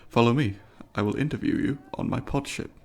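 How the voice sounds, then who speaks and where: This man's natural, medium-pitched voice moves at a brisk pace as he acts out a polite, eager alien student in ASMR roleplay. He questions the listener formally and precisely, often apologizing, in a polite, curious mood.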